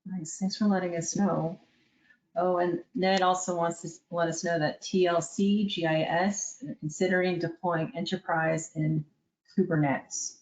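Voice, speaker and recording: A woman moderates an online conference session over a video call, reading out questions and thanking the speaker with upbeat, brief interjections. Her fairly low voice is a little slow with fairly even intonation, and the call audio is roomy and dull.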